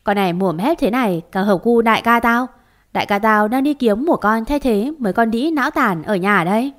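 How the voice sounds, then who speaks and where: A woman's voice: fairly high pitch, expressive, fairly quick, lightly acted. Woman voicing a crude mocking male gangster. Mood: sneering. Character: coarse bullying male gangster debt collector.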